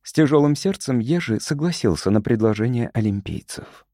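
A man narrating an audiobook in an expressive, measured storytelling manner on a close studio mic. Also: medium pitch, no echo. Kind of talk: scripted narration.

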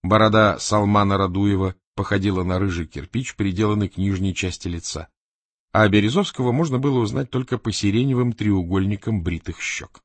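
A man narrating an audiobook in an expressive, animated reading style, close to the mic. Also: fairly low pitch, fairly quick, no room sound.

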